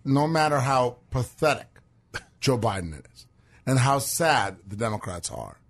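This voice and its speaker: A man co-hosting a political talk show, with a somewhat husky voice and a mocking, wry, quick way of bantering. He talks plainly at a middle pitch. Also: expressive. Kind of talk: political talk radio chat.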